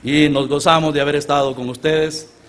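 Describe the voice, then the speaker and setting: Animated Honduran man preaching a sermon. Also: moderate pace. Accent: Honduran Spanish. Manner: swings between loud exclamations and low, quiet asides; earnest storytelling sermon, often addressing listeners as brothers. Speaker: guest preacher. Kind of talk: preaching at a church conference. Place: church conference gathering before a large congregation.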